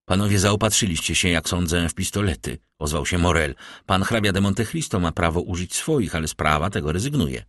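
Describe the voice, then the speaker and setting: Man, audiobook narrator, deep voice, lively pitch, dry close sound, raises his voice for characters. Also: a little fast, few pauses, no room sound. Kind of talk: scripted narration of a classic novel.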